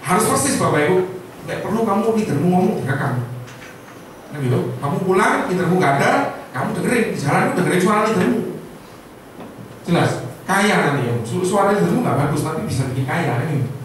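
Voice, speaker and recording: A man gives a motivational sales training talk in a high voice, turning to the audience again and again with rhetorical questions. The recording is heavily echoey, and he sounds some distance from the mic, with a faint hiss underneath. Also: expressive, a little fast. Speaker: insurance sales team leader. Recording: echoey room, voice far from the mic.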